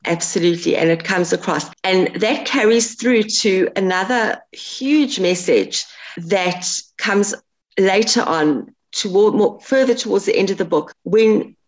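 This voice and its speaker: A woman's voice: medium pitch, a little slow, low-quality recording. A woman interviewing an author about her book. She asks thoughtful, earnest questions and often restarts her sentences.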